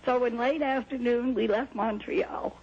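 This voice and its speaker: An older woman from New Hampshire calmly recounting a personal experience in an interview, heard on an old VHS tape. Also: on the high side, unhurried, husky, lo-fi sound. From New Hampshire, USA. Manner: calm, plain storytelling with small laughs and restarts. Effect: old VHS tape sound. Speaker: interview guest.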